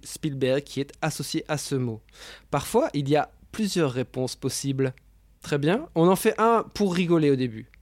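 A man's voice: a little high, no echo. Guy hosting a film chat on a video call, lots of euh and repeats, dry close sound. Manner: hesitant, with many fillers and repeated words. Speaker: host of a film roundtable show. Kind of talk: casual hosting of an online film discussion.

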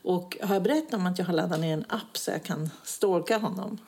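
A woman's voice: on the low side, breathy edge. A middle-aged woman co-hosting a casual chat, giving short encouraging replies and telling everyday stories. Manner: warm listener, gives short encouraging replies. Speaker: podcast co-host.

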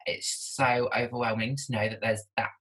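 A woman's voice: very deep voice, steady tone, normal speed, rough recording. A woman, a podcast guest talking candidly and casually over a video call, with many "like" fillers. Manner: candid, chatty, lots of "like" fillers. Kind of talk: casual conversation.

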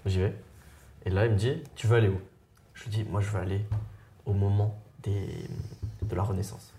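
Low, relaxed young man telling a story. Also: normal speed, a little hiss or hum. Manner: relaxed, slangy. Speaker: player. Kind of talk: casual storytelling.

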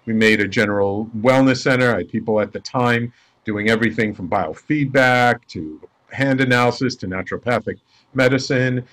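A man's voice: medium pitch, moderate pace. A man who works as a life coach, telling stories as a guest in a casual interview and acting out the dialogue in them. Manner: animated storyteller acting out quoted dialogue.

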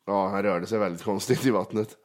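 A man's voice: on the low side, fairly even intonation. A young man in casual banter with friends, making crude, teasing jokes.

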